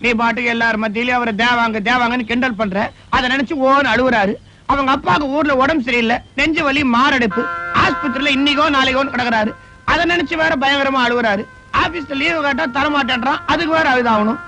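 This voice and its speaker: An actor playing a scheming, talkative comic friend in an old film, rambling and wisecracking. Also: male voice, extremely high pitch, quick pace, low-quality recording. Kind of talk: 1980s film dialogue.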